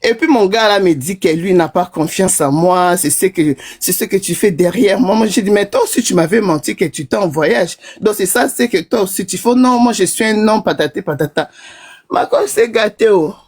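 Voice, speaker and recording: A woman calls in to a live stream to confess her story, chatting away and laughing often. Her medium-pitched voice is a little mellow and slightly rough, moving at a moderate pace with hardly any pauses.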